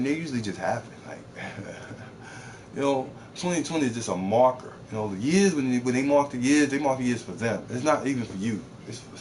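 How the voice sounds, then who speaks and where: Male game streamer, casual profane rant, stumbles and repeats words, normal mid pitch. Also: slight background noise. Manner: rambling, profane, repeats words, mocks others in put-on voices. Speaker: live streamer. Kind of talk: off-the-cuff rant while gaming.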